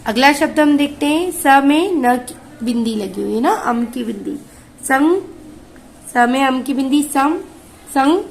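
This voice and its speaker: A woman teaching a kindergarten reading lesson, slowly sounding out letters and having the children repeat after her. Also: high-pitched, fairly bright tone, a little hiss or hum, poor audio. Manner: slow, drawn-out call-and-repeat drilling. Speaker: school teacher.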